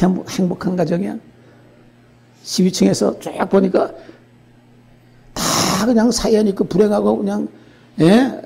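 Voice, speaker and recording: An older man preaching a sermon as pastor, telling a story in an animated way and often checking in with the congregation. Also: high-pitched, gravelly, breathy edge.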